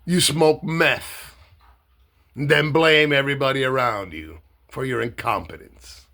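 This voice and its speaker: A man from Miami giving a blunt, mocking, swear-heavy political rant to camera, loose and halting with fillers when he explains himself. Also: mid-range voice, sharp tone. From Miami, Florida. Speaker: political satire vlogger. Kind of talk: profane political rant and monologue.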